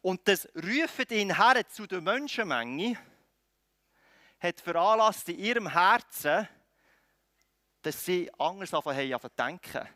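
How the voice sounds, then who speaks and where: A man's voice: sits high, lively intonation, unhurried, long pauses, pushed and bright, no room sound. A man preaching a sermon in a conversational way, acting out scenes with frequent restarts. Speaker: pastor.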